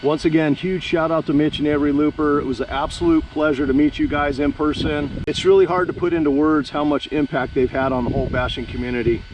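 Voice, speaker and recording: A man's voice: on the high side, steady tone, quick pace, few pauses. A man with a laid-back frat-bro way of talking, full of dude and bro slang, doing casual vlog commentary outdoors. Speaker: RC car vlogger. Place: outdoors in the wind. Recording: very loud wind noise on mic.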